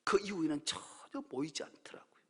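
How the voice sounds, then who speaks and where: A male pastor delivers a dramatic sermon, his gravelly, husky voice bright and edgy. He sinks into breathy near-whispers, then swells into loud exclamations. The recording carries the long reverb of a church hall. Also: a little high, expressive, moderate pace. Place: church sanctuary.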